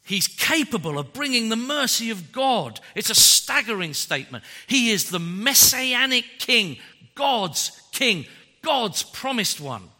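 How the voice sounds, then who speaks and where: A man preaching a sermon in an animated, joking way that is often broken by laughs. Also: extremely high pitch, unhurried, big-room sound.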